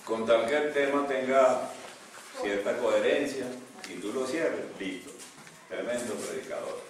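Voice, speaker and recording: An older man, a pastor, preaching a sermon with animated swings between loud outbursts and hushed asides. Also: medium pitch, unhurried. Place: church sanctuary. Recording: echoey church from a distance, noisy.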